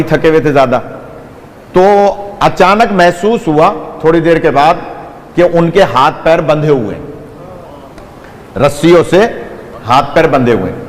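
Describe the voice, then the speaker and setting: A man's voice: fairly high pitch, big-room sound. A man preaching a sermon to a gathering, retelling a story dramatically with quoted dialogue and blessings for the listeners.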